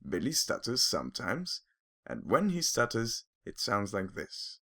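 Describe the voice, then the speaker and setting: A man giving calm, clear scripted narration for an animated explainer, explaining step by step. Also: medium pitch, unhurried.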